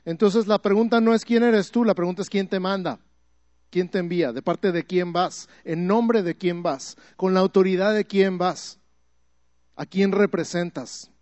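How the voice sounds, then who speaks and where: A man's voice: sits high, a little slow, darkish tone, no echo. A man preaching a sermon in a teaching manner, asking the listeners questions and building up emphatic repeated phrases. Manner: rises to emphatic repetition.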